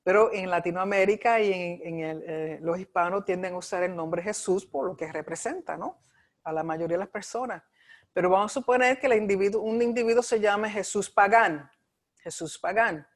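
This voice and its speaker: Woman pastor at mid pitch, lecturing a class, poses questions and answers them herself. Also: moderate pace. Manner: explanatory, asks and answers her own questions. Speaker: pastor teaching a discipleship class. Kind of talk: teaching class.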